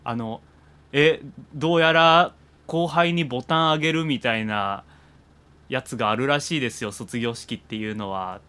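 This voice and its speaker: A young man with a medium-pitched, bright voice hosts a casual amateur show. He reads listener messages aloud and comments on them conversationally. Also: moderate pace, clear, resonant tone. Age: young adult. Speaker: co-host of an amateur radio show, reading listener mail. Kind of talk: casual chat and mail reading.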